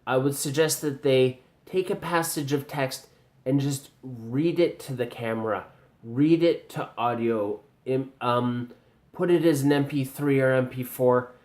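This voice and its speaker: Giving slow, deliberate feedback like a teacher, a man with a general Canadian accent reviews pronunciation in a spoken video response, pausing often and filling gaps with ums. His voice is ordinary in pitch for a man, with a darkish tone.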